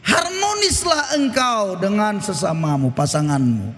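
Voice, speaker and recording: A male pastor preaches in a very high voice that leaps all over. He tells his stories with animation and keeps firing questions at the congregation. His voice carries through a church hall with a long echo. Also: measured pace, slight background noise. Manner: animated storytelling, quizzing the congregation. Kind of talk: sermon.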